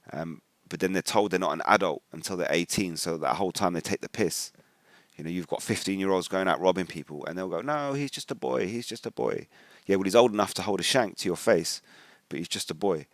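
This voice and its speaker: Low-pitched and a touch quick, an English-accented man from England delivers colloquial, slangy religious commentary on a dry recording. He mixes in personal stories and frequently mimics what others have said.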